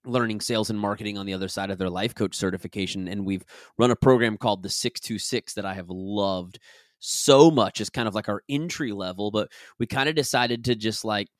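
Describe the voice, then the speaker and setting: Raspy-voiced man hosting a podcast. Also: fairly low pitch, brisk, dry recording, studio quality. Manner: upbeat and enthusiastic; chatty and rambling. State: raspy, recovering from being sick. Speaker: podcast host and business coach. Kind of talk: casual podcast talk and reading from his own book.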